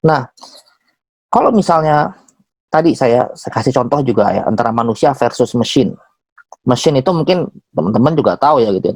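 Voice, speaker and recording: A man from Indonesia giving an informal accounting lecture to students, animated, mixing in English phrases and acting out dialogue. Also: mid-range voice, breathy edge, no room sound.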